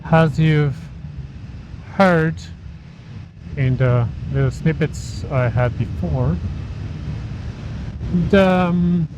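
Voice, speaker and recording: Guy motovlogging from inside his helmet, talks slow n halting, wind and engine noise behind him. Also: a little high, highs cut off. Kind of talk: casual vlog talk while riding. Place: inside a motorcycle helmet, riding outdoors. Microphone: small wireless mic inside helmet.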